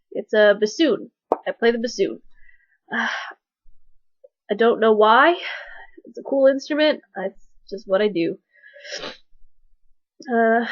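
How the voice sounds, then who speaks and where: Stuffed up with allergies, a young woman from Texas with a fairly high voice introduces herself in a casual college vlog. It's awkward and self-deprecating, packed with fillers, captured as dry, dull, lo-fi webcam sound.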